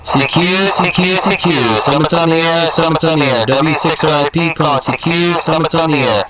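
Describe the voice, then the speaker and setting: A man with a fairly high voice works radio contacts from outdoors. He is polite and procedural, repeating call signs and reports, and the recording is heavy with noise and hiss. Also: normal speed. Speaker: amateur radio operator activating a summit. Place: outdoors on a mountain summit.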